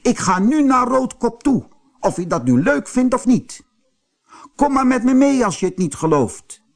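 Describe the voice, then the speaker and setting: A man's voice: high voice, animated, slow, voice pushed up, exaggerated voice. A man voicing a headstrong, brash old aunt in a storybook, bossing her nephew around. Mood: feisty. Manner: brash, bossy, cackling.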